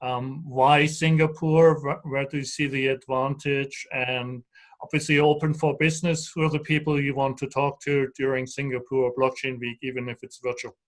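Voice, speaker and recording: A man moderating a panel discussion, brisk as he poses questions. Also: medium pitch, little pitch movement, poor audio.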